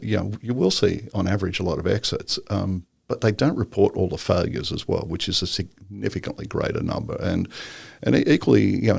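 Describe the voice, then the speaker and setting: A man's voice: low-pitched, vocal fry, slightly rough, dry recording, clean studio sound. A male entrepreneur as an interview guest, talking casually in a rambling, joking way full of fillers.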